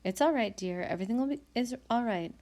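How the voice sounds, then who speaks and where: A woman's voice: medium pitch, fast, mellow, natural voice. A woman reading the part of a caring mother who coos soothingly to comfort a crying child. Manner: cooing, soothing.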